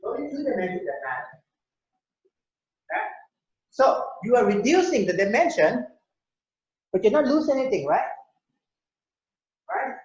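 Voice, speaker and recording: A man's voice: very high-pitched, very animated, normal speed, long pauses. A man giving a rambling classroom lecture, often repeating words and checking in with the class. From Thailand. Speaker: university lecturer. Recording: very echoey hall, dull lo-fi sound.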